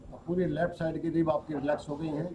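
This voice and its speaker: Calm man guiding yoga nidra. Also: fairly high pitch. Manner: calm, slow instructions mixing Hindi with English words. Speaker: yoga teacher. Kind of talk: guided yoga nidra relaxation.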